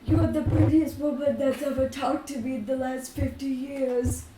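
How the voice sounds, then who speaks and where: A woman voicing a besotted, gullible old widowed gentleman with a drawn-out, sweet-talking delivery in a tabletop role-play. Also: high voice, fairly even intonation, natural voice. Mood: flirtatious, charmed. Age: older. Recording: echoey room, distant mic, noisy.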